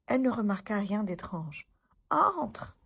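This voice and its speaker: A woman reading a children's storybook aloud, gentle and expressive. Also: lowish voice, a little slow, slightly rough.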